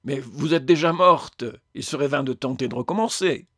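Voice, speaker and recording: A man voicing a calm, patient male spirit who speaks in a measured, gently firm way. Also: on the high side, slightly rough, no echo, studio quality. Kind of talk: audiobook character voice.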